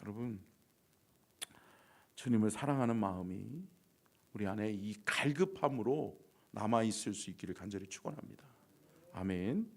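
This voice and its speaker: A male pastor preaching an early-morning sermon, emphatic and at times loud and fervent. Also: on the low side, lively intonation, normal speed, vocal fry, pauses often.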